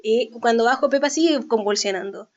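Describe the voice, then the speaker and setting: A woman with a Chilean accent, hosting a podcast and telling a story in casual chat, animated, laughing often and acting out what people said. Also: on the high side, a little fast, muffled recording. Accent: Chilean Spanish. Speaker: podcast host.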